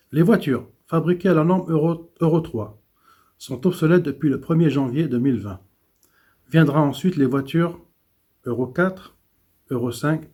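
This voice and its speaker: Husky man reading news commentary. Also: a little high, a little mellow. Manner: reads with small stumbles and restarts.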